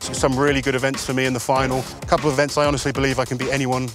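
A man's voice: medium pitch, little pitch movement, racing. A man, a strongman athlete, speaking confidently and earnestly in an outdoor interview. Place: outdoors by thatched huts. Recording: music under the interview.

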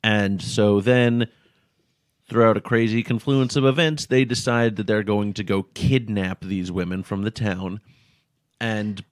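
Easygoing low-voiced man co-host. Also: steady tone, unhurried, no room sound, studio quality. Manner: easygoing, agreeing, recaps the plot. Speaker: podcast co-host. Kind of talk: casual film-discussion podcast chat.

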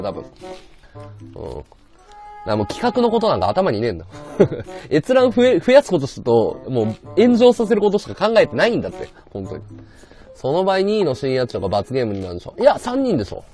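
A male livestreamer chatting casually with viewers, blunt and slangy. His pitch leaps up and down very expressively, and quiet music plays underneath. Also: wildly swooping pitch, quick pace. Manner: blunt slangy banter, reads viewer comments.

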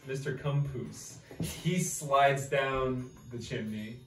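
A man's voice: medium pitch, far from the mic. A man hosting a goofy comedy podcast, teasing his co-host and hamming up mock-dramatic bits. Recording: roomy sound from off the mic, music behind.

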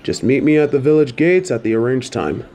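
This fan audio drama features a man playing a friendly, laid-back wagon driver in ancient China who chats casually. He speaks at a brisk pace in a medium-pitched, mellow, animated voice that sounds natural. There's slight background noise.

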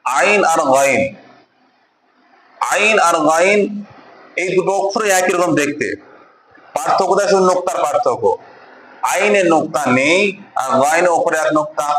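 A man's voice: a little high, moderate pace, pauses often, roomy sound, background noise. A man teaching beginners the Arabic letters in a class, patiently repeating each letter and drawing out the sounds. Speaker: Quran reading teacher. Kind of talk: beginner Arabic alphabet lesson.

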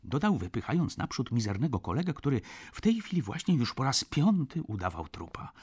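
A man narrating a literary audiobook in an expressive, theatrical way. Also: medium pitch, a little fast, husky.

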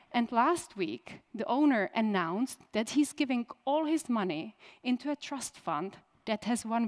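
A woman's voice: fairly high pitch, darkish tone. Woman, 30s, Czech native speaker, conference keynote, direct, questioning, stage mic. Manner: direct, poses questions to the audience.

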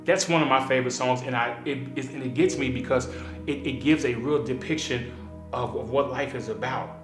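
A man in his thirties, a pastor, giving a relaxed, conversational devotional talk to camera from a small indoor studio, with plenty of ums and uhs. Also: medium pitch, a little fast. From Kansas City area. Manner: relaxed, conversational, filler-heavy. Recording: roomy sound with soft music behind.

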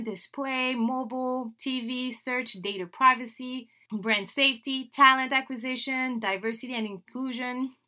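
A woman's voice: medium pitch, bright, forceful tone. A woman from Senegal whose first language is French, hosting her podcast in a chatty, upbeat way with laughs between phrases. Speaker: podcast host. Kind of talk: solo podcast introduction.

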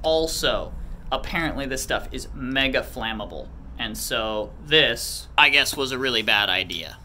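A man's voice: mid-range voice, expressive, unhurried, pushed and bright, slight background noise. A young man chatting casually through a farm DIY vlog, joking and explaining as he works. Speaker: farm vlogger. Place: outdoor farm yard and workshop.

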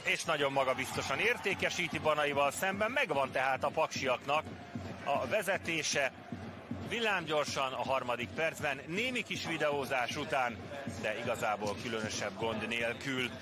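A man giving live football commentary as the match unfolds. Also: medium pitch. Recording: loud stadium noise behind voice.

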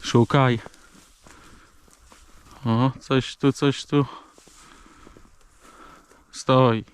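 A man's voice: mid-range voice, fairly even intonation, extremely slow, smooth. A man out hunting, calling short clipped commands to his dogs in the open fields. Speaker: hunter working his dogs. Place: outdoors in rural fields.

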